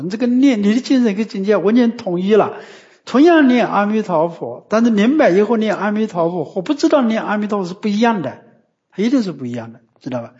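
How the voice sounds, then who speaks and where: A man with a high voice gives a Buddhist dharma talk, teaching in a didactic, emphatic way and ending his points with short tag questions. The recording is muffled and lo-fi. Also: darkish tone.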